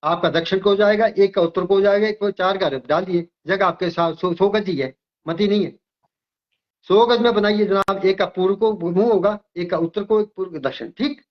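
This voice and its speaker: An older astrologer from Himachal Pradesh speaks in a high-pitched voice, lecturing emphatically and repeating himself as he explains. The audio is dull and lo-fi. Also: moderate pace. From Himachal Pradesh, India. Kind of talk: interview.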